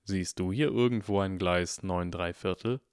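A man reading an audiobook and voicing a calm, wry father with a measured delivery. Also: low voice, smooth, no echo, clean studio sound. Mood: dry. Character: dry, worried father of a boy.

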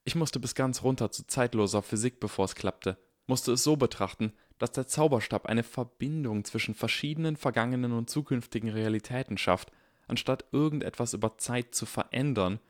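A man voicing a clever, excitable young schoolboy wizard in an audiobook, eager and lecturing. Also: mid-range voice, moderate pace, dry recording, studio quality, voice pushed up, lightly acted. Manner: eager, lecturing, barely restrained. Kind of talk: audiobook character voice.

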